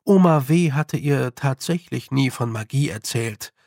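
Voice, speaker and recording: A man reading an audiobook in a measured, deliberate way. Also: mid-range voice, gravelly, darkish tone, no echo, clean studio sound. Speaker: narrator. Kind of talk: audiobook narration.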